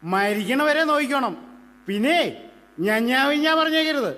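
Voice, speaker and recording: A man's voice: very high-pitched, animated, moderate pace, pushed and bright, exaggerated voice. A man acting a drunk, boastful and rude rich man in an amateur stage play, with a mocking, slurred manner. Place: school stage before an audience. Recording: echoey hall stage recording.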